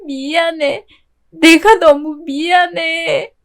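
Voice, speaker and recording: A woman's voice: extremely high pitch, fairly even intonation, extremely slow, pitched above the performer's own voice, full character voice. A woman voicing a heartbroken, guilt-ridden young woman whose voice breaks into tears in a radio drama story. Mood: tearful. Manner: tearful, voice breaking into sobs.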